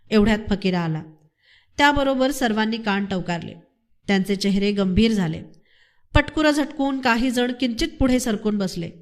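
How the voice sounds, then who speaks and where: A woman narrating a novel aloud in an expressive, dramatic storytelling style. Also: a little high.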